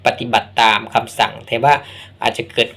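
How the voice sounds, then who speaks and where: A man lecturing as a military instructor, explaining things in a measured way with thoughtful pauses. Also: pushed and bright. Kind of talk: spoken training lecture on conduct.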